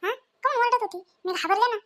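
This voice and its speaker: A woman voicing a sharp village mother-in-law who scolds and keeps demanding answers. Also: very high voice, fast talker. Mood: scolding.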